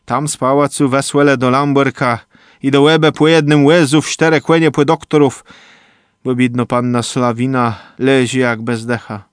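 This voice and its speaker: A man's voice: medium pitch, little pitch movement, moderate pace, clear, resonant tone, no room sound, clean studio sound, lightly acted. A man voicing a grave, knowing older man who warns of doom in an urgent tone.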